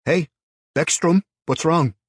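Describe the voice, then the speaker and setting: A man voicing an excitable young male friend who shouts and hisses urgently. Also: on the high side, slow pace, husky, no echo, voice pushed up. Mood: excited.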